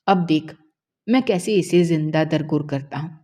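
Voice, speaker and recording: A woman voicing a cruel, angry village father who shouts harshly and scornfully in a storybook tale. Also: low voice. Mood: furious.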